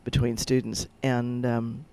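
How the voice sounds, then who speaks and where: A man's voice: medium pitch, little pitch movement, slow pace, darkish tone. A man, a rabbi, chatting casually on a radio talk show over a video link, rambling and hesitant with lots of fillers.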